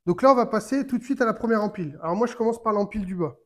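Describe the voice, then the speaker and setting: A man giving a casual how-to explanation of a fishing rig, talking while he works with his hands and pausing often with fillers and restarts. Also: high-pitched, lively intonation, fairly bright tone. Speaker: fishing tutorial maker.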